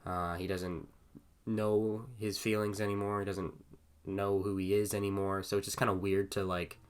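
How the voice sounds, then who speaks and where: A man's voice: on the low side, little pitch movement, moderate pace, clean tone. A young man reading fan fiction aloud and commenting on it in a rambling, exasperated way. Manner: rambling, exasperated, filler-heavy. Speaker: video host reading fanfiction.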